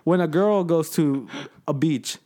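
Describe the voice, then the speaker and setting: A man's voice: fairly high pitch, unhurried, warm tone. A young man co-hosting a casual podcast chat, rambling and peppering his talk with dude and bro. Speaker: podcast co-host.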